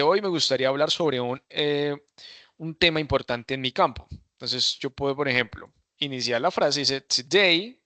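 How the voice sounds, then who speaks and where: A man's voice: mid-range voice, pushed and bright, no echo. A man teaching an English speaking workshop, switching between languages and often checking with the group. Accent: Latin American Spanish. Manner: switches between languages, asks the group for answers, many fillers. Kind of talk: bilingual classroom instruction.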